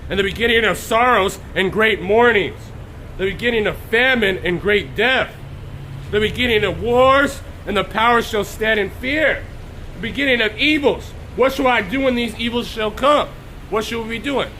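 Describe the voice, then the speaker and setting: A Texas man with a high pitch delivers a live sermon to an online crowd, bright and forceful at normal speed despite the hoarseness left from being sick. He often clears his throat and interrupts himself to greet viewers by name; the low-quality stream carries a faint hiss.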